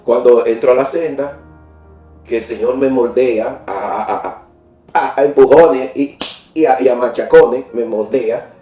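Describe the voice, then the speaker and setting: A middle-aged man telling a faith testimony in a church interview, animated and often laughing, repeating words when he gets excited. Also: mid-range voice, unhurried, roomy sound, far from the mic, muffled recording, faint music behind. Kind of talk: emotional personal testimony.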